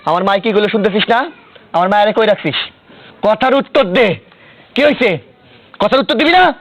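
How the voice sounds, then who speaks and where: A man's voice: high voice, fairly even intonation, racing, no room sound, natural voice. A man playing an enraged village father. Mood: furious. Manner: threatening, shouting questions. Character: angry village father, loving but furious. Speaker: father whose daughter was sold.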